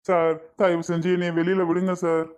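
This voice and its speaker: Guy doing a cartoon husband stuck in jail, high voice, begging sir sir nonstop. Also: monotone, normal speed, a little mellow, smooth, close to an everyday voice. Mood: pleading. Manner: begging, repeats sir again and again. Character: pleading jailed husband, middle-aged man, repentant.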